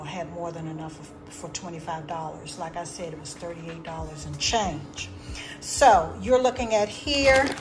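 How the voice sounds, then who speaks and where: A woman chatting casually at home, showing her groceries and often correcting herself. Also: fairly low pitch. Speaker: vlogger showing a grocery haul. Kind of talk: casual chat. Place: home, at a dining table.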